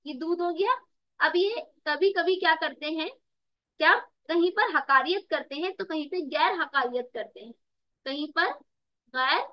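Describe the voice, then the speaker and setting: A woman's voice: sits high, dry recording, muffled recording. A woman tutor giving an online exam-prep lesson, calling students "beta" and repeating words with rhetorical questions to the class. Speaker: Urdu tutor.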